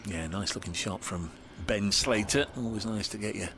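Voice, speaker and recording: A man's voice: on the low side, moderate pace. A man commentating conversationally on cricket, filling in players' records and statistics. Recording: clear background noise, match ambience.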